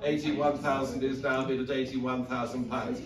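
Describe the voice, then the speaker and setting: A middle-aged man calls out bids from a lectern in a steady, repetitive auctioneer's rhythm. His voice sounds distant and echoes around an indoor saleroom. The murmur of a seated audience fills the space around him. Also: mid-range voice, normal speed, crowd noise. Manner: rhythmic, repetitive bid-calling patter. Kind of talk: live auction calling. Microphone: lectern mic, filmed from the audience seats.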